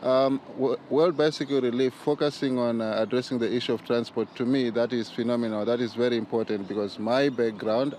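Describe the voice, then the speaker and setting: A man's voice: mid-range voice, darkish tone, a little hiss or hum. Earnest man, emphatic guest. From Zimbabwe. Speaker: interview guest. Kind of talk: news interview.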